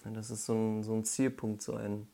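A man giving a devotional Bible talk, explaining slowly with pauses and correcting himself as he goes. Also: lowish voice, little pitch movement, creaky, dark tone. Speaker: Bible teacher.

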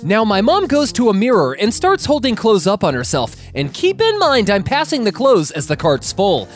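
Lively story reader with soft music. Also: mid-range voice, normal speed. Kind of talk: reading internet stories aloud.

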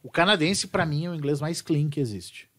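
A man's voice: on the high side, fairly quick. A man, an English teacher chatting casually and animatedly. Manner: animated, repeats and restarts words. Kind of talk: casual podcast chat.

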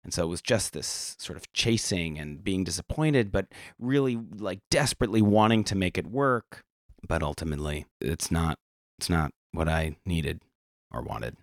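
Low-voiced american guy opening up on a podcast, lots of restarts, dry close sound. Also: expressive, no room sound. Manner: reflective, halting, many restarts. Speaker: podcast guest. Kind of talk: candid casual conversation.

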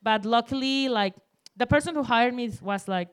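A woman whose first language is Spanish chats casually as a panel guest, sharing anecdotes in non-native English sprinkled with Spanglish. She's a skateboard photographer, and her voice is fairly high and smooth at a normal speed.

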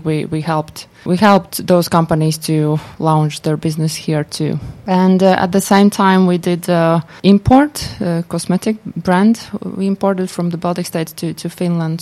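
A woman's voice: sits low, darkish tone. A woman with a Latvian accent answering interview questions, speaking hesitantly and often repeating words as she goes. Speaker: interview guest, business consultant for entrepreneurs.

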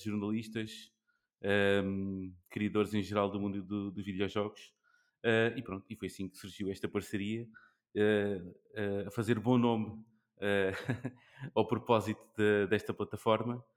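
A man in his forties with a European Portuguese accent, hosting a gaming podcast in casual chat, pausing often with fillers and restarts. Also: on the low side. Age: 40s. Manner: hesitant, many fillers and restarts. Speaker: podcast host.

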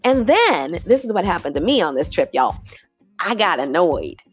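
Low-voiced woman, reflective podcast chat. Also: very animated, moderate pace, slightly rough, faint music behind. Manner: conversational, often asks "right?" and says "y'all". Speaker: podcast host and yoga teacher. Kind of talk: reflective solo podcast talk.

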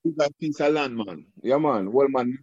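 A man's voice: mid-range voice, normal speed, darkish tone, husky, dry recording. A Jamaican man chatting easily in patois on a podcast, agreeing readily. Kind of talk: casual chat in patois. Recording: dull lo-fi mic.

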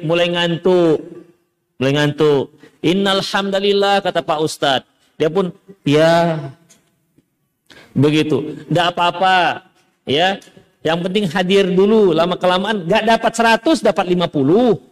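A man preaching a lively, conversational sermon, quoting Arabic and acting out parents and children. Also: sits high. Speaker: Islamic preacher.

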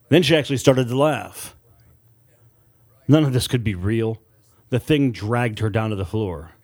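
Reading horror fiction from a script, a male audiobook narrator takes a dramatic, deliberate approach, letting weighted pauses hang. He speaks at medium pitch with a darkish tone.

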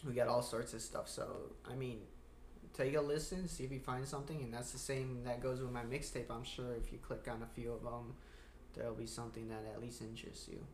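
With light noise behind him, a male podcast host talks in a medium-pitched voice. He chats casually like a frat bro, with loose slang and plenty of swearing. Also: flat delivery, fairly quick. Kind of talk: casual chat. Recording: noticeable background noise.

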